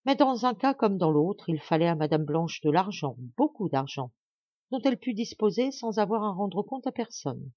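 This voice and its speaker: A woman narrating a classic novel as an audiobook reader, in measured, expressive storytelling. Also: medium pitch, dry recording, dull audio.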